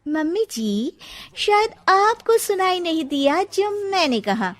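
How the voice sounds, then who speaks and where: A woman voicing a cheeky, defiant young daughter-in-law who talks back in a high, mocking voice. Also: animated, moderate pace. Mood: sassy. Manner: sassy, mocking, high-pitched.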